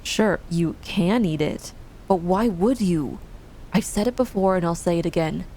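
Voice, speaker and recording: A woman's voice: lowish voice, measured pace, mellow, slight background noise, low-quality recording. A woman playing a scrappy merchant who talks in a casual, blunt way.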